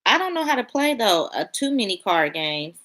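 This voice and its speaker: Woman streamer, relaxed and colloquial, reads chat aloud, bright tone. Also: mid-range voice, normal speed. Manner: chatty, colloquial, talks to viewers by name. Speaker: livestream host reading chat. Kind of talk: casual live-stream chat.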